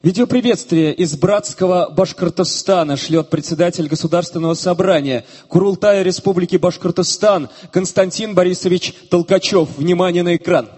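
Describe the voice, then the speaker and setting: A man's voice: sits high, normal speed, a little mellow, slightly rough. A man hosting a festival on stage, making scripted, ceremonial announcements. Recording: long hall reverb over stage sound system.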